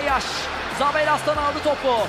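A man's voice: very high voice, level tone, very noisy. A man commentating live football, screaming and stretching out names and goal calls. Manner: screaming, drawn-out shouts on names and goals. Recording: loud stadium crowd and music over commentary.

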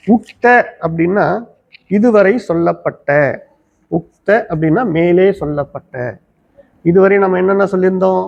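A man with a Tamil accent giving a Vedanta discourse in an ashram, explaining step by step and slowly chanting Sanskrit verses. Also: sits high, vocal fry, husky, highs cut off. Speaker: Vedanta teacher. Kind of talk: spiritual discourse. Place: ashram teaching hall.

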